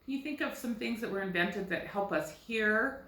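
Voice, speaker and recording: A woman's voice: mid-range voice, normal speed, bright, forceful tone, far from the mic. A woman with an American accent, a first grade teacher giving a recorded phonics lesson. She explains patiently and asks questions that she answers herself. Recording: echoey room, voice set back from the mic.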